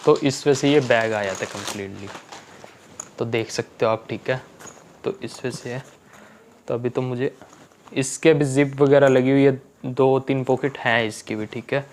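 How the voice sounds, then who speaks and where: A man's voice: mid-range voice, steady tone, unhurried, background noise. A young man chatting casually in a home unboxing vlog, often checking in with "okay" as he goes. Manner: chatty, keeps saying "theek hai". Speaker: vlogger.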